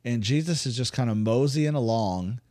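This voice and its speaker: A man's voice: medium pitch, normal speed. A man co-hosting a faith podcast, casually retelling a Bible story with humor and acting out the characters. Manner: animated storyteller, acts out voices with humor.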